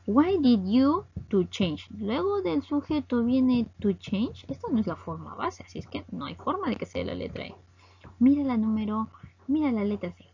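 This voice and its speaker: A woman teaching English grammar step by step. She reads example sentences slowly and keeps checking in with her students. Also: on the high side, big pitch swings, creaky, mellow, breathy edge, muffled recording. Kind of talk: recorded classroom lesson explaining grammar.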